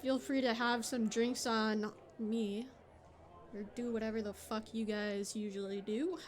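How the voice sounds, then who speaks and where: A woman playing a tabletop role-playing game, chatting and joking quickly about her character's plans. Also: a little high, fairly even intonation. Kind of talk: casual play and in-character chat.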